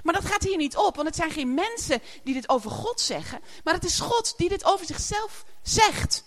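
A woman's voice: very high voice, sing-song, moderate pace, a little hiss or hum. A woman preaching a sermon in a chatty way, often laughing as she speaks to the congregation.

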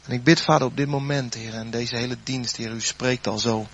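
A man preaching a sermon, then leading a spoken prayer, his voice swelling loud and dropping soft. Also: medium pitch, fairly even intonation, a little fast, highs cut off, slight background noise.

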